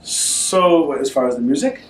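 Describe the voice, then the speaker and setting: A man answering questions as a guest in a casual couple Q&A at home, relaxed and easygoing in his phrasing. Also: a little high, unhurried, slight background noise. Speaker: guest husband. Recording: roomy, distant camera sound.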